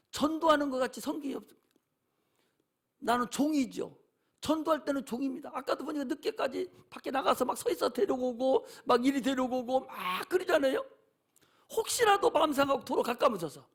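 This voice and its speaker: A male pastor delivers an impassioned sermon in a church. His voice is strikingly high for a man. He drives home his points by repeating them emphatically. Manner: impassioned, emphatic, repetitive preaching. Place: church sanctuary.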